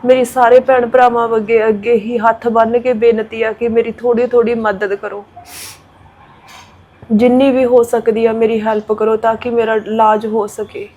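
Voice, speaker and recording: A woman's voice: on the high side, flat delivery, moderate pace, phone-quality sound. A middle-aged woman speaking plainly and steadily as she pleads for help. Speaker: interviewee making a plea.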